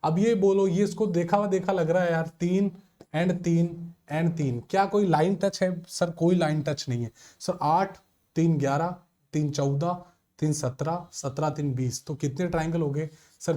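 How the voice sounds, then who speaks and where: A man's voice: fairly high pitch, normal speed, mellow. A man teaching an exam-prep reasoning lesson, counting figures aloud and calling his students sir and dear children.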